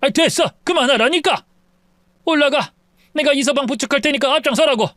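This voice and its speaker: A man voicing a cautious middle-aged father-in-law who urges calm in a hushed, urgent way. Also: very high-pitched, brisk, dry recording, studio quality, pitched above the performer's own voice. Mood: urgent hushing.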